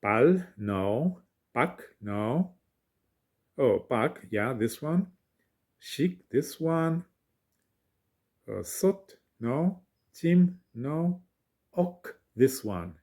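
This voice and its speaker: In a casual language lesson, a man hesitantly talks himself through exercises and sounds out syllables. He has a mid-range, animated voice with a somewhat dark tone.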